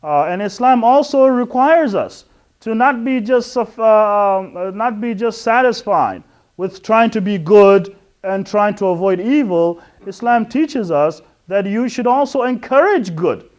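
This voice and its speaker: A middle-aged man from West Africa with a fairly high speaking voice gives an introductory talk on faith. He explains earnestly and patiently, stopping often to hesitate and restart his sentences. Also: animated, a little slow, a little mellow. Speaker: Islamic lecturer.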